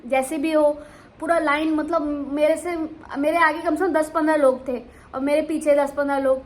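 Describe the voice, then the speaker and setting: A young woman vlogger casually telling a travel story, animated and full of restarts. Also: high-pitched, moderate pace. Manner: animated, many restarts and fillers.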